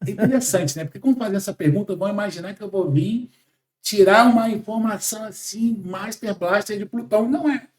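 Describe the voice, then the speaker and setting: A man in his forties from Brazil, a sales trainer talking in a podcast conversation, animated and emphatic, lecturing. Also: sits high, a little fast, reverberant. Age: 40s.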